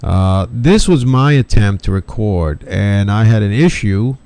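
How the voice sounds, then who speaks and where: A man hosting a local civic video show, talking informally and off the cuff in a halting, rambling way. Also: lowish voice, animated, mellow. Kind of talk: informal unscripted vlog commentary.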